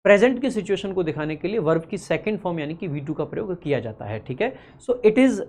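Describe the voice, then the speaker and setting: A male teacher running an exam-prep grammar class. He explains at a brisk clip, then slows right down to read each example sentence with deliberate emphasis. He keeps asking questions and answering them himself, talking to students familiarly. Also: high-pitched, sing-song, a little mellow. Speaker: English teacher.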